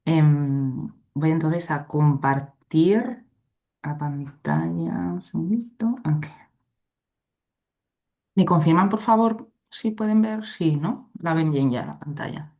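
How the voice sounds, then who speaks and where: Presenting at an online conference as an invited legal expert, a Spanish woman talks through a computer microphone on a video call, taking it slowly. Her Spanish-accented voice is low, grounded and dark in tone, and her explanations stay friendly and chatty as she repeatedly checks in with her audience.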